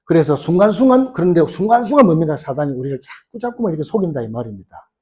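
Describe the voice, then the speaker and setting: A middle-aged male pastor delivers an emphatic sermon in a high, highly animated voice. He keeps throwing rhetorical questions at the congregation. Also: quick pace.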